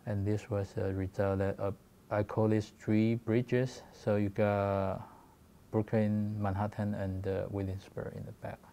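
Giving a presentation as a guest photographer, a man in his forties from Taiwan talks haltingly about his work, with many fillers and restarts. His Taiwanese-accented voice is fairly low, level, creaky and dark in tone.

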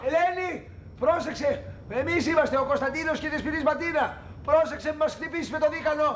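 An actor playing a pompous, germ-fearing middle-aged professor who talks in a formal, fussy, stammering way. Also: male voice, high voice, lively intonation, slight background noise.

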